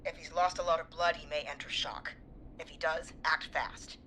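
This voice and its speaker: An actress voicing an overworked hospital nurse who gives hurried, hushed first aid instructions. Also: female voice, low-pitched, flat delivery, slight background noise. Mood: instructive. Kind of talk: video game voice acting.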